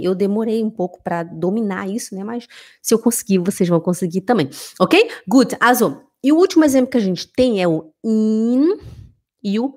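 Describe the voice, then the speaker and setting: A Brazilian woman with a Carioca accent, teaching German pronunciation in a live online lesson and acting out little dialogues while slowly repeating words for practice. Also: medium pitch. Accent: Brazilian Portuguese, Carioca. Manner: animated, drills words by repeating them slowly.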